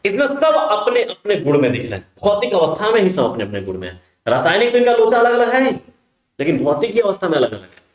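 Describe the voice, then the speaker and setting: A male chemistry teacher giving an online lecture, his pitch leaping up and down as he fires questions at the class and then answers them himself. He calls his students by pet names. The room is echoey. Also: wildly swooping pitch, quick pace.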